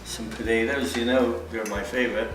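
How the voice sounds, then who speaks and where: A man's voice: medium pitch, fairly even intonation, normal speed. A man co-hosting a cooking show, chatting in a playful put-on Irish brogue. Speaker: co-host. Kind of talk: casual chat. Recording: echoey room with music.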